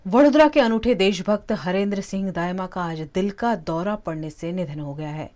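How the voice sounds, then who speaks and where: A woman news anchor reading bulletin items in a crisp, formal way. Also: fairly low pitch, moderate pace, darkish tone, soft background music.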